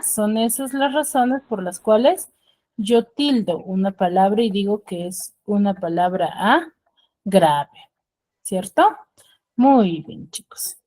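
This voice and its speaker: A schoolteacher teaches a class over a video call, explaining patiently step by step and frequently checking understanding with "¿ya?". Her voice is a little high and a little mellow.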